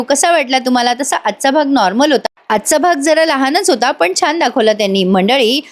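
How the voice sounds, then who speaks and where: A woman hosting a casual voice-over recap, telling the story in a chatty way and speaking directly to viewers. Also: high voice. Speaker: serial review host.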